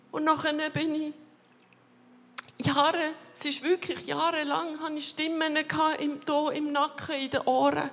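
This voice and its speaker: A woman with a Swiss German accent gives an emotional personal testimony, her voice high and clear. She speaks in halting, broken phrases and repeats words as she searches for them. Her voice rings out with the long reverb of a big church hall. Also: fairly bright tone. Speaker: church member giving a testimony.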